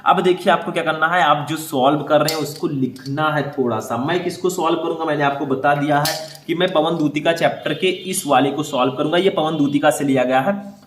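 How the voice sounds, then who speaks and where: A man's voice: on the high side, slight background noise. Echoey-voiced man teaching exam writing. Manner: explains step by step, says "ठीक है" often; reads passages aloud slowly. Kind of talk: board exam writing lesson.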